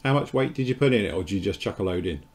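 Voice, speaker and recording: A man's voice: fairly low pitch, lively intonation, very fast, darkish tone. A man hosting a casual live show about model kits, talking in a loose, rambling, chatty way as he explains things. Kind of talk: casual live-stream chat.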